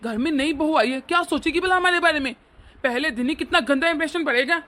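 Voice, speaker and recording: A woman voicing a grown son in a cartoon story who tries to calm his quarrelling mother, placating and mildly exasperated. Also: sits high, fast. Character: grown son, peacemaking husband. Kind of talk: cartoon voice acting.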